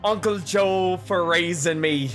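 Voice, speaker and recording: A man voicing a sentimental, vengeful pirate captain in solemn, drawn-out sailor talk during a tabletop game. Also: high-pitched, fairly bright tone. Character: male old-sea-dog pirate captain, vengeful and sentimental. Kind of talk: tabletop role-play. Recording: music behind the voice.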